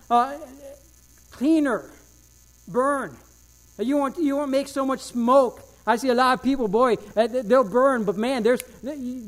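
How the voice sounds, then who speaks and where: A man preaching a sermon with fervent emphasis, repeating key phrases and swinging between loud declarations and hushed asides. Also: very high-pitched.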